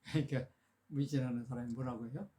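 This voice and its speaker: A man's voice: medium pitch, steady tone, quick pace. A man, a Buddhist monk, giving a dharma talk and retelling Zen anecdotes as he acts out the dialogue. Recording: noisy recording with clicks.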